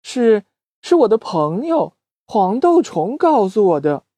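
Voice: medium pitch, big pitch swings, slow pace, dark tone, no room sound, pitched above the performer's own voice. A storyteller voicing an eager young boy chick in a children's story. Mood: anxious. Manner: eager, earnest.

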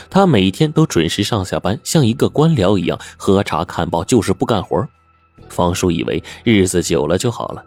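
A man tells a serialized story with dramatic flair. His voice sits deep and husky, swinging widely in pitch as he narrates. A soft music bed plays beneath him.

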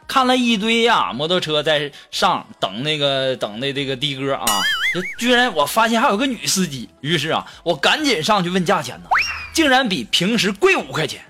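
Man, joke-show host, very expressive pitch, music bed. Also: normal speed. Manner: lively storyteller, acts out quoted lines. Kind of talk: comedic joke-reading radio show.

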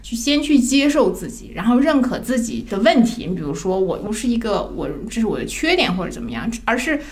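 A woman's voice: fairly high pitch, sing-song, fairly quick, darkish tone. A woman in her thirties chatting casually on a podcast, telling personal stories and acting out the voices of people she quotes, often laughing. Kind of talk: casual chat, personal storytelling.

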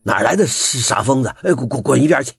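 A male storyteller voicing a slow, simple-minded village husband who talks gruffly and bluntly. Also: mid-range voice, sing-song, sharp tone, dry recording, voice pushed up, full character voice. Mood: angry.

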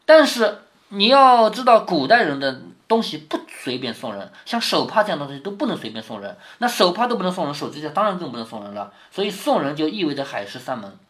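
A man's voice: on the high side, big pitch swings, quick pace, few pauses, a bit bright. A man reading a classic novel to his daughter, stopping often to explain and to ask rhetorical questions. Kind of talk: reading aloud with commentary.

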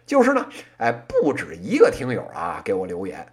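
Animated Beijing-accented solo podcast host, crosstalk style. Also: mid-range voice, normal speed. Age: late 30s. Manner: colloquial plain speech with erhua and frequent interjections. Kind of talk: comic monologue in one-person crosstalk style, business commentary.

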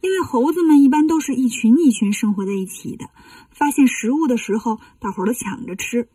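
A woman narrating a classic tale for children, gentle and explaining. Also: fairly high pitch, lively intonation, fairly quick, slightly rough, no echo, far from the mic. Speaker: children's storyteller.

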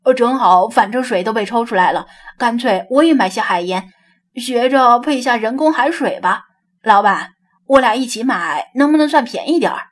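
A fussy, nervous retired old man haggles and frets in a raised, strained voice, as a woman reading the storybook puts him on. He sounds jittery and penny-pinching, pushed up high and loud. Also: lively intonation, moderate pace. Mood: worried.

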